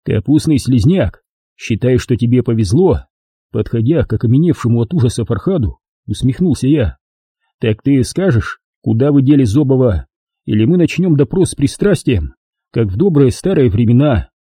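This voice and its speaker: A man narrates an audiobook in the first person with a very dark, husky tone. His intonation moves a lot, and his pitch sits a touch high. The recording is close and dry. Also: expressive, moderate pace, no echo.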